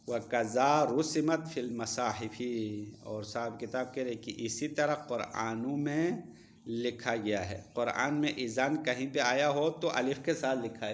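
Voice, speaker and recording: A man's voice: medium pitch, a little hiss or hum. A male seminary teacher gives a classroom lecture. He reads Arabic text aloud, explains each line, and asks the students questions.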